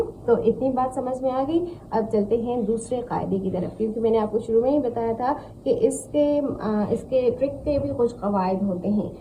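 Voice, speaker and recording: A woman teaching an Arabic grammar lesson, patiently repeating key words slowly and asking her students questions. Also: a little high, narrow, tinny audio, a little hiss or hum.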